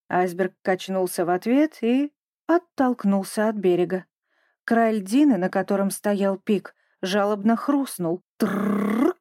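A woman narrating a children's story in a gentle, even storytelling manner. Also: mid-range voice, no echo, studio quality.

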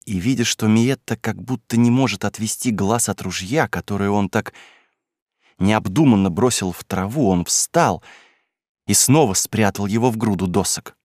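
A man narrating a classic novel as an audiobook in a measured, even storytelling manner. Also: on the low side, no room sound, clean studio sound.

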